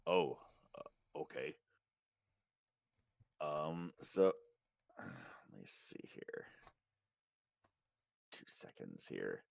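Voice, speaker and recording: Slow, deep-voiced male tabletop player. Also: sing-song, creaky, darkish tone, no room sound. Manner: slow, hesitant, with fillers and laughs. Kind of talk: casual play chat.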